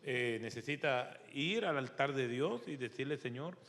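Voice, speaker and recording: Man answering a church q&a, steady preachy tone, long hall echo. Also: medium pitch, measured pace. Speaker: panel speaker.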